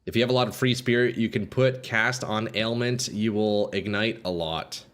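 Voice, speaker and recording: A man's voice: on the low side, fairly even intonation, moderate pace, a bit bright. A young man live streaming a video game, chatting casually with his viewers in a slangy, sweary frat-bro manner.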